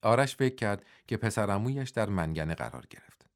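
A man narrating a novel aloud in a measured, expressive reading voice. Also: fairly low pitch. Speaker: audiobook narrator. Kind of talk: storytelling narration.

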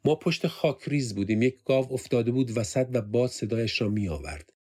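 A man narrating a story in a calm, measured way. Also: medium pitch.

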